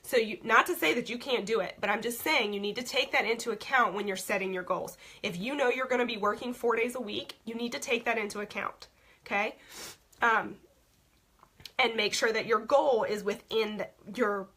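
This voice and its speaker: Bright, husky woman coaching. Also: on the high side, normal speed. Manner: frank, repeats "okay?" often. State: voice going hoarse. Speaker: team leader teaching goal-setting. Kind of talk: casual instructional talk.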